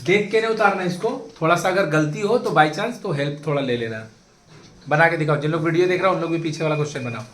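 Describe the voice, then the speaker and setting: A man's voice: fairly high pitch, fast talker, a bit bright, distant mic, a little hiss or hum. A young man teaching math to a class, coaxing and drilling his students with lots of repetition. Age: young adult. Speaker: tutor. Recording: echoey classroom.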